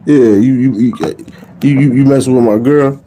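A middle-aged American man plays a streetwise prank caller, confronting someone and repeating himself in a mellow, medium-pitched voice with fairly even intonation at normal speed. It was recorded on a phone held at arm's length, and the phone-camera audio is noisy.

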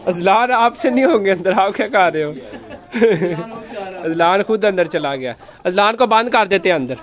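A man, filming his rooftop chickens on a handheld phone and gently guiding children as they feed the birds. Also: high voice, expressive, measured pace. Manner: gentle, instructive, often coaxing the children. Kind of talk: casual narration while filming, talking to children. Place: outdoor rooftop with chicken coops. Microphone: handheld phone camera, first-person.

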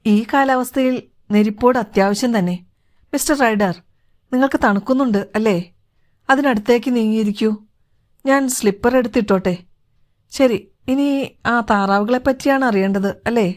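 Brief: woman narrator doing a calm, confident male detective, measured delivery, fairly high voice. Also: close to an everyday voice. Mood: composed.

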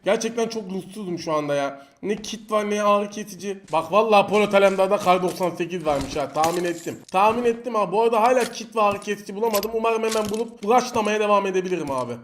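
A man commentating his own mobile battle royale match in Turkish-accented speech, excitable and taunting the opponents he fights. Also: sits high, quick pace, few pauses, slight background noise. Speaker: mobile game streamer. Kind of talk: live gameplay commentary.

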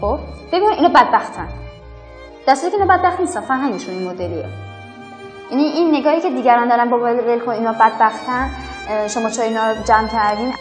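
A young adult schoolteacher from Afghanistan speaks earnestly and reflectively in a documentary interview, her fairly high voice full of expression. The room echoes, and violin music plays over her words.

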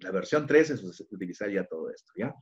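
A man's voice: sits low, sing-song, fairly quick, husky, lo-fi sound. A man running a live online training for teachers, walking through each click aloud and often checking in with the attendees.

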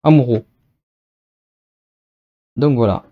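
Chatty man unboxing, dull lo-fi sound. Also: mid-range voice. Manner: chatty, thinks aloud, reads product text slowly. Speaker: unboxing video host. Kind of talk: casual unboxing commentary.

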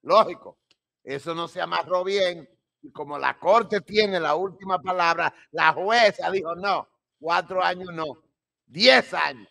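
Gravelly, high-voiced man in his sixties, emphatic. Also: bright, forceful tone. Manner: deliberate, emphatic, gestures while explaining. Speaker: guest crime analyst. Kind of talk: emphatic studio interview analysis. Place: home office with shelves and flags. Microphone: studio mic on boom arm.

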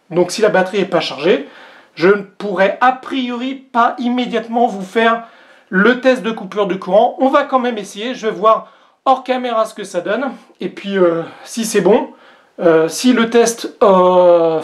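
A vlog host doing a casual unboxing demo, talking straight to viewers, with many hesitant fillers and a joke about their own English accent. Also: mid-range voice. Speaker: host reviewing a product.

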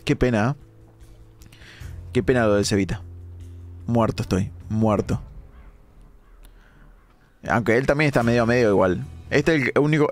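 A young man, hoarse from a sore throat, giving animated live-stream gameplay commentary with dramatic outbursts. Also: medium pitch. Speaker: gaming streamer.

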